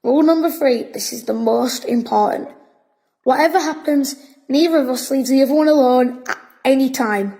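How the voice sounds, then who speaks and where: In an audio drama, a woman with a high, mellow voice at a moderate pace plays a bossy, boastful boy in wartime who tells spooky tales. Her manner is officious and storytelling.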